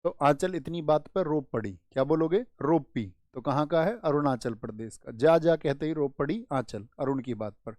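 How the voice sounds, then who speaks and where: A male exam-prep teacher giving an online lesson, asking students quick questions and teaching memory tricks with little stories. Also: fairly high pitch, a little mellow, no echo.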